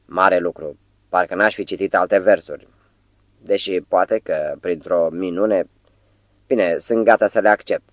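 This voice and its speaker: A man voicing an anxious, gentle middle-aged patient who talks softly and pleadingly. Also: low-pitched, dry recording, lightly acted. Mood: uneasy.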